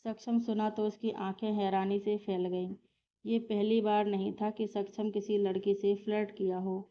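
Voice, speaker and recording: Woman storyteller, steady reading, monotone, slightly muffled lo-fi audio. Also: mid-range voice, moderate pace. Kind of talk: scripted story narration. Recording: slightly dull lo-fi recording.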